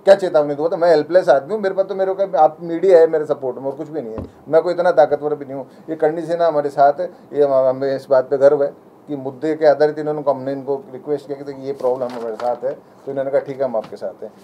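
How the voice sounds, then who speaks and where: A man's voice: fairly high pitch, steady tone, dark tone, dull audio, slight background noise. A young man speaking to the press as a community spokesman, pleading and indignant. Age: young adult. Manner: pleading, indignant, rapid and emphatic. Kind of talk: impassioned press statement.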